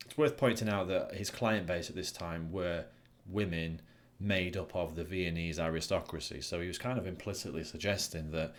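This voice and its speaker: A therapist giving an informal recorded lecture, talking bluntly and conversationally with frequent ums. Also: male voice, low-pitched. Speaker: person-centred therapist.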